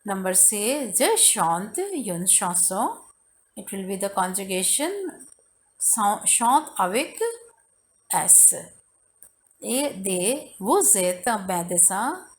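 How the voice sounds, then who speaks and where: A woman teacher reading workbook exercises aloud word by word and translating, haltingly switching between French and non-native, broken English. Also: medium pitch, animated.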